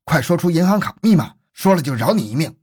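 A man's voice: on the high side, animated, normal speed, mellow, slightly rough, voice pushed up. A man voicing a vicious, scheming younger brother in a spoken crime story, speaking in a raised, menacing voice. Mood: threatening. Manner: snarling, menacing.

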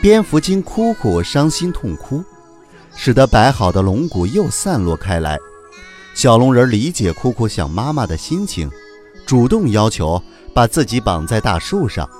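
A man narrating a children's story in an animated, storytelling manner into a close studio mic. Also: mid-range voice, soft background music. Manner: animated, warm storytelling, many drawn-out particles.

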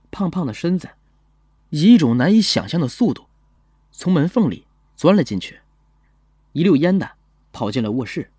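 Cast a calm young policeman narrating an audio drama, with a lively but husky voice and faint music behind. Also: fairly high pitch, no echo, clean studio sound. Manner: measured, gentle storytelling. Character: young male police officer, calm and gentle. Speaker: first-person narrator.

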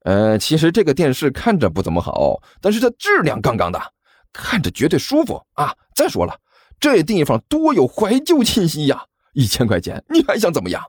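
Brief: a man playing a wheedling landlord, raised lively voice, dry close sound. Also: a little high, moderate pace, husky, no room sound, voice pushed up, heavily acted. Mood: wheedling, wary. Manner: chatty, persuasive, nervous stammer. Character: middle-aged male landlord, wheedling and nervous.

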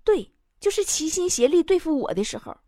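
A young woman hosts a comic monologue, wry and self-mocking. Her voice is high and swoops a lot. The recording carries heavy background noise. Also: very animated, a little fast. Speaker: host.

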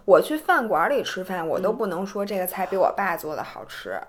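A woman's voice: medium pitch, big pitch swings, fairly quick. A young woman co-hosting a casual podcast, telling family stories with a wry, teasing manner. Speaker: podcast co-host. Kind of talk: casual chat.

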